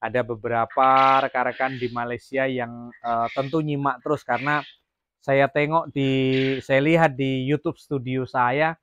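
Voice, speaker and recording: A man's voice: mid-range voice, flat delivery, a little slow, a bit bright, clear, resonant tone, highs cut off. A man from Jambi, Indonesia, running a casual farm vlog about raising quail, rambling with many fillers and restarts. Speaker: quail farmer vlogger. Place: quail farm, near the cages.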